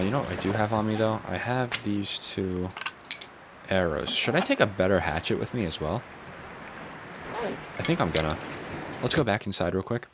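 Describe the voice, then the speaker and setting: Low-voiced guy just up in the morning, unhurried, chatting calmly to himself over a game, clear background ambience noise. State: morning voice, recently woken. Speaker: gaming channel host. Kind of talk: calm video game playthrough commentary.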